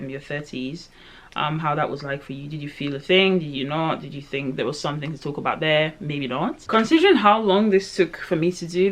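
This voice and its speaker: A late-twenties woman vlogs from home, talking to her camera as she applies makeup. Her talk wanders in a chatty, reflective way, full of "um" and "like," punctuated by sudden excited leaps in pitch.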